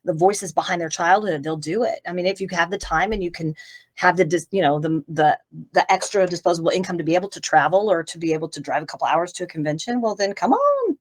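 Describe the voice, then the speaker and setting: Speaking quickly and animatedly in a lowish voice, a middle-aged woman from Tennessee talks as a guest in a casual video-call interview. She's a voice actress, and her manner is rambling, open and chatty.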